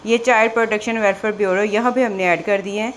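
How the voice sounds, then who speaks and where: A woman's voice: mid-range voice, steady tone, quick pace, slight background noise. A woman exam prep teacher, talking through a screen walkthrough in a chatty way, repeating "theek hai" and "ye dekhiye" as she goes.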